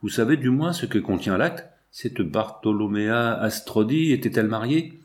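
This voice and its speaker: A man's voice: lowish voice, lively intonation, normal speed, close to an everyday voice. Haughty rich male capitalist, curt and condescending, as read by a man. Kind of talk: audiobook character voice.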